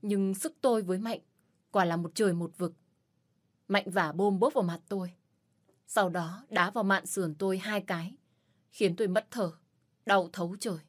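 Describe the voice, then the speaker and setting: A woman's voice: medium pitch, fairly even intonation, moderate pace, pauses often. A woman telling a tense, emotional first-person story as narrator. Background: faint music.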